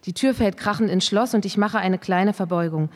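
A woman author reading her first-person story aloud at a live literary event, in a measured, unhurried way. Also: medium pitch. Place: event hall. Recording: reverberant hall.

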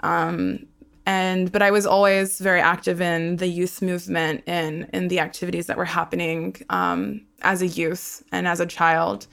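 Fairly low and fairly bright, this Australian podcast host speaks flatly at a normal speed with some vocal fry. She's young, laughs a lot, and talks comfortably about her life in an interview-style conversation.

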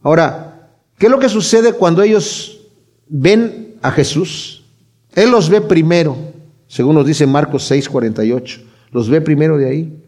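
Animated preaching man, higher voice. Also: a little slow. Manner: animated preaching, shifting between loud and hushed; acts out quoted voices while retelling. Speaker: pastor. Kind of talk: sermon.

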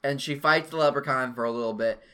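A man's voice: medium pitch, quick pace, pushed and bright, smooth. A man casually recapping a horror movie with friends, profane and joking, often laughing. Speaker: podcast co-host.

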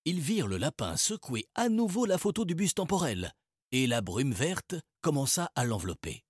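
Husky male narrator for a children's storybook; animated, expressive delivery, dry recording. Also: mid-range voice, moderate pace, dry recording. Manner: lively, expressive reading. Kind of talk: storybook reading.

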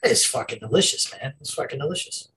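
A man's voice: mid-range voice, lively intonation, quick pace, a bit bright, low-quality recording. A middle-aged man co-hosting a podcast, swearing freely and rambling in casual chat. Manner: rambling, profane, laughs a lot. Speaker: podcast co-host.

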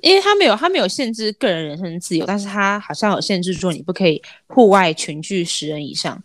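A woman's voice: mid-range voice, lively intonation, fast. A young woman with a Taiwanese accent chats casually as a podcast co-host, telling anecdotes and acting out the dialogue. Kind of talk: casual chat, storytelling.

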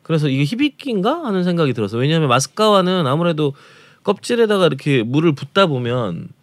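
A man's voice: a little high, big pitch swings, fast, no echo. A man presenting a food travel segment on a talk radio show, describing restaurants and dishes in detail in a casual chatty way.

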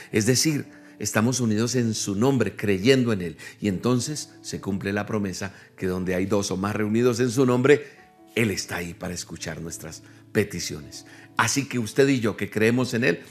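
A man with a low voice preaches a livestreamed sermon. He is earnest and talks straight to his listeners, repeating key phrases to drive them home. Soft music plays faintly behind him. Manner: addresses listeners directly. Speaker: pastor.

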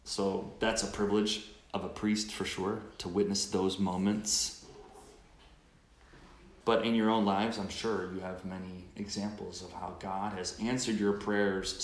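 A man with a fairly low voice speaks as a priest at Mass. His delivery is reflective, and the sound rings with a cathedral-like church echo. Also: level tone, measured pace, a little hiss or hum. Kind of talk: Mass Gospel reading and homily.

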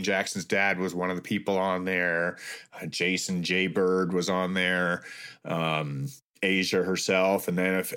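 A man with a very low voice tells a story in a relaxed, conversational way. He sounds middle-aged and gets animated when he acts out what others said. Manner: animated, acts out quotes with raised voice. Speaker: guest telling a story. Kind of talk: casual storytelling.

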